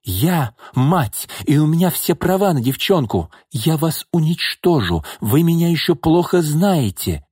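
Shrill raging drunk mother, voiced by a man, high and swooping, dry close sound. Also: sing-song, measured pace, few pauses, darkish tone, breathy edge, dry recording, exaggerated voice. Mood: venomous. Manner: shrieking, insulting, bullying.

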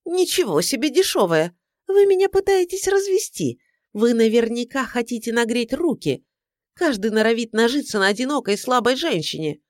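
A shrill, bossy middle-aged mother-in-law, as a woman reader puts her on, her voice pitched high above the narration and swinging sharply as she scolds. She sounds indignant and scheming, pushing hard at everyone, in a close, dry audiobook reading. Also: sing-song, moderate pace, dry recording. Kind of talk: audiobook character voice.

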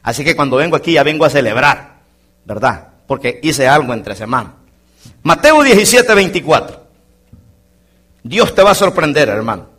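A man preaching a sermon as a pastor in a church, swinging between loud exclamations and quiet asides. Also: on the high side, very animated, normal speed, pauses often, slightly rough. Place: church sanctuary.

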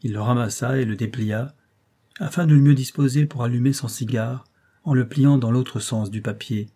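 A man narrating a classic novel as an audiobook in a measured, even reading. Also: mid-range voice. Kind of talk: scripted narration.

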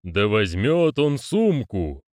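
Male narrator playing a booming ritual master, slow, grave, commanding, low voice, dry studio sound. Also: very animated, a little mellow, no room sound. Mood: solemn. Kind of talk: audiobook character voicing.

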